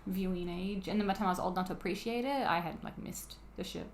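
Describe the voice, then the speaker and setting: A woman's voice: on the low side, quick pace, slight background noise. A woman in her twenties with an Australian accent, co-hosting a podcast in casual chat, reacting with laughs and exclamations. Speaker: podcast co-host. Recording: roomy room sound.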